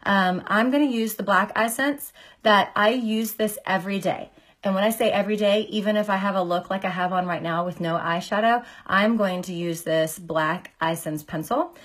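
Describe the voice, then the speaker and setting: At a normal speed, a makeup artist in her forties who also sells beauty products chats her way through an informal tutorial, greeting viewers by name amid plenty of fillers. Her voice sits lower as she gets over being ill, captured by a phone camera at arm's length in a small indoor room.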